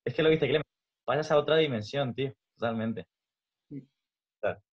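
A man speaking in an animated, exclaiming way in a casual chat. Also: medium pitch, brisk. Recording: slightly dull audio.

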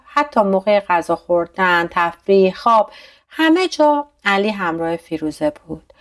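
A woman tells a bedtime story in a calm, steady voice. Her pitch sits in the middle range, and she keeps an even storytelling pace.

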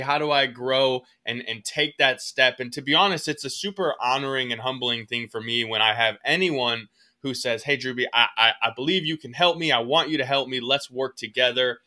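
A man's voice: mid-range voice, pushed and bright. A man hosting a motivational podcast interview, upbeat and emphatic with hype-man energy. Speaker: podcast host.

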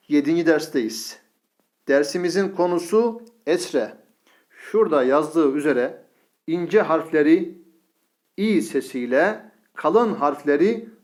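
A man's voice: a little high, darkish tone. A man teaching a reading lesson in a patient, step-by-step way, sounding out syllables one at a time.

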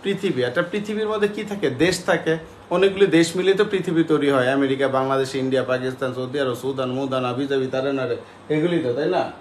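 A man's voice: medium pitch, fast talker, slight background noise. A male English teacher, giving a classroom lecture and drilling students with repeated questions. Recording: echoey classroom with faint ambience.

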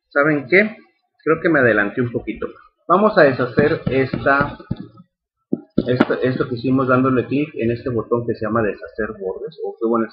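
A man teaching a screen-recorded spreadsheet tutorial, patient and repetitive, often checking in with his students. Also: mid-range voice. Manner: patient, repeats steps, checks in with "ok". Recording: slightly dull recording with faint noise.

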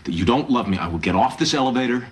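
A man's voice: medium pitch, lively intonation, very fast, noisy background, lightly acted. An American actor in his thirties playing a desperate, earnest lovesick man in a TV sitcom, pleading in a heartfelt love confession. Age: 30s. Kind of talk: 1990s TV sitcom acting.

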